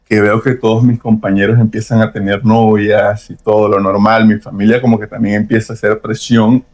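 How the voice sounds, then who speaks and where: A man's voice: lowish voice, level tone, darkish tone. A young Venezuelan man with a Venezuelan accent, giving a personal testimony as a podcast guest in an earnest, reflective way. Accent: Venezuelan Spanish. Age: young adult. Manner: earnest, reflective, with frequent pauses and hedges.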